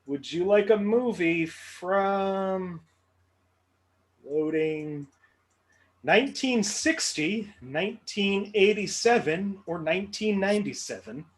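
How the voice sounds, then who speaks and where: A man's voice: sits high, expressive, slow pace. A man hosting a movie trivia game show, reading clues with dry, mock-serious humor.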